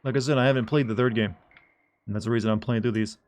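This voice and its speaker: A man's voice: mid-range voice, steady tone, quick pace, darkish tone. A man giving casual gameplay commentary as a streamer, rambling along in a wry way. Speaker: game streamer.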